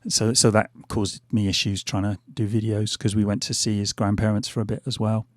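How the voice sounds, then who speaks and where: This middle-aged man, his voice giving out, speaks fairly quickly in a fairly low pitch that barely moves. He hosts a gaming channel and rambles casually over gameplay with many fillers and restarts. The desk mic and headphones give clean studio sound with no echo.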